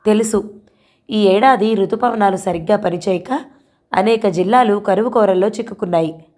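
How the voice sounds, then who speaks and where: A woman voicing a calm, thoughtful young woman who reasons with her upset friend. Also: mid-range voice, normal speed, natural voice. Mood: reasoning. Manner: reflective, reasoning.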